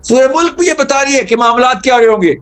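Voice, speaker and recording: A man giving an animated religious talk, telling stories and mixing in English terms. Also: very high-pitched. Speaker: Islamic speaker.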